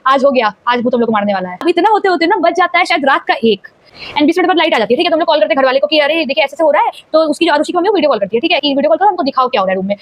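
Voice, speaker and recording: A young woman casually telling a spooky personal story, animated and repeating phrases for emphasis. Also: sits high, no echo.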